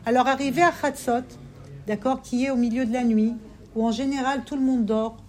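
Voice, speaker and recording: High-voiced fervent woman preacher. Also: steady tone, fairly quick, a little mellow. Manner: fervent and pleading, with emphatic repetition. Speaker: religious women's teacher. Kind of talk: impassioned sermon to a women's gathering.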